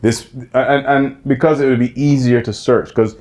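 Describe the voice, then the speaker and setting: A man's voice: medium pitch, fairly even intonation, normal speed, a little mellow. A man from Barbados co-hosting a podcast, chatting casually and often repeating words as he talks. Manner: easygoing, repeats words, acts out others. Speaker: podcast co-host. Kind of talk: casual chat.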